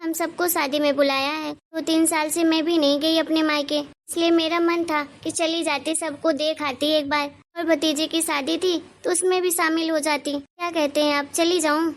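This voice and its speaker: A woman's voice: high voice, little pitch movement, moderate pace, hardly any pauses. A woman voicing a timid older mother-in-law in a cartoon story, pleading meekly and tearfully. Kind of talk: cartoon voice acting.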